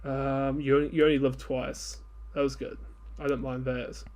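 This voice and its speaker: A man's voice: mid-range voice, flat delivery, moderate pace, a little mellow. A man co-hosting a podcast in casual chat, blunt and dismissive, swearing often. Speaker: podcast co-host.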